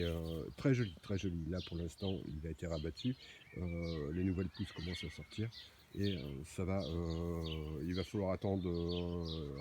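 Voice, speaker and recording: Deep-voiced guy walking round his garden, hesitant, lots of euhs, faint outdoor noise. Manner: hesitant, many fillers and restarts. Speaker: amateur gardener giving a garden tour. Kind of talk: casual walking garden tour.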